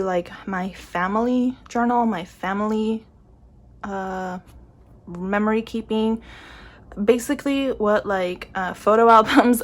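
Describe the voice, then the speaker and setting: A young woman chatting casually to camera about her planners, soft-spoken and a little emotional, often trailing off and restarting. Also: mid-range voice. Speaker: planner vlogger.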